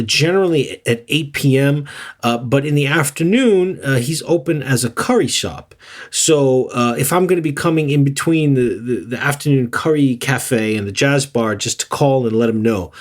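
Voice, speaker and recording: A man co-hosting a casual podcast, telling a travel story in a rambling way with frequent "um" and "you know". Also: medium pitch. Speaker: podcast co-host.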